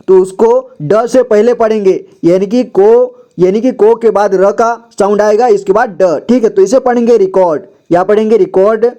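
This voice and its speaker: A man's voice: high voice, mellow. A man teaching reading; he says each word twice and spells it out syllable by syllable, in a patient, explaining way. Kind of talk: slow reading lesson, word by word.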